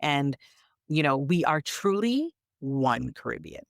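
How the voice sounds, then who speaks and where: A woman's voice: extremely low pitch, sing-song, slow, gravelly, dry recording, clean studio sound. A woman from Canada chatting on a podcast as a storyteller guest, emphatic and reflective in how she talks. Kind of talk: conversational podcast chat.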